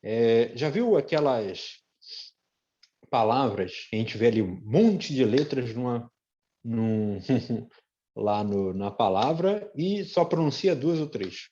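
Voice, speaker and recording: A man with a Brazilian Portuguese accent teaching English pronunciation in an online lesson, repeating example words slowly with chatty asides. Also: medium pitch, lively intonation, mellow, lo-fi sound. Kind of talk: online lesson with shared screen.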